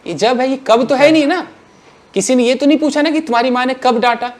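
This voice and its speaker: A man teaching English grammar to a class, asking questions and answering them himself in an animated way. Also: extremely high pitch, a little fast.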